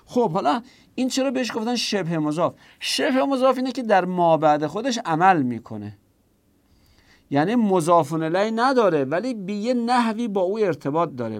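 A man with a somewhat high voice teaching a grammar lesson. He asks questions and answers them himself, and he goes over the examples slowly and more than once.

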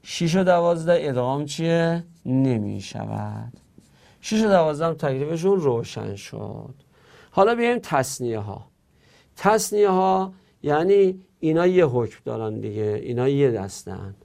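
Guy teaching a grammar class, slightly high voice, slow patient step by step explaining. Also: sing-song, creaky, darkish tone. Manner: patient, explains step by step, asks and answers own questions. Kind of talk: Arabic grammar lesson.

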